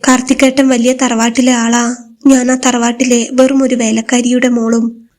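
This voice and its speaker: A woman's voice: a little high, level tone, normal speed, a little mellow, close to an everyday voice. A woman voicing a shy, heartbroken young servant's daughter in a spoken story, pleading and restrained. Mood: pleading, tearful.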